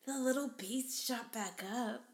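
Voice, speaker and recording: For a couple's vlog, a wife chats casually with her husband, giggly and talkative and rambling a little. Her voice is fairly high and unhurried.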